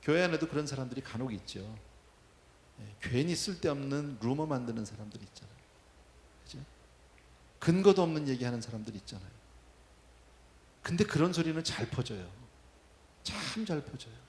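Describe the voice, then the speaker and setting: A man's voice: medium pitch, big pitch swings, fairly quick, pauses often, reverberant. A man preaching a sermon, talking in a conversational way and asking the congregation questions. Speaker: pastor. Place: church.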